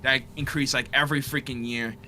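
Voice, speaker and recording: Bright-voiced man, slangy casual host. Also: mid-range voice, steady tone, fairly quick, a little hiss or hum. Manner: slangy, laughs often, reads an article aloud with stumbles. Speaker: podcast host. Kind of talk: casual chat.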